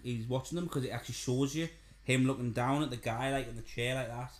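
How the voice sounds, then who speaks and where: A man's voice: mid-range voice, fairly even intonation, fast. Man, casual podcast co-host, roomy recording. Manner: chatty, repeats himself, frequent "aye". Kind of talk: casual film chat. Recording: roomy echo.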